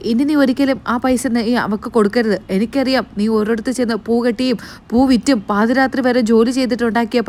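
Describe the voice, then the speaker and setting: A woman's voice: fairly high pitch, a little mellow, close to an everyday voice. Woman putting on a fierce scolding grandmother. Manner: angry, scolding, raised voice.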